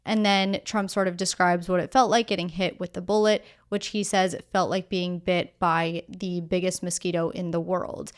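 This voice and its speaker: A woman with a lowish voice hosts a news podcast, reading scripted stories in a measured, explanatory manner and tossing in casual asides.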